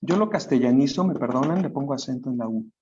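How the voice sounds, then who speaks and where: A man's voice: medium pitch, lively intonation, fast, a little mellow, husky. A man with a Mexican Spanish accent giving a dharma talk, thinking aloud with restarts and asking "right?" as he goes. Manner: thinks aloud, restarts often, tag questions. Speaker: Buddhist teacher. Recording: dull muffled lo-fi recording.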